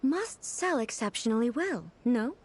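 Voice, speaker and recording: Raiden Ei, a high-voiced regal ruler. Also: female voice, sing-song, husky, heavily acted. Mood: earnest, puzzled. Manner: stately, measured, earnest. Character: regal, composed female immortal ruler, innocently curious. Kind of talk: video game voice acting. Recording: game music underneath.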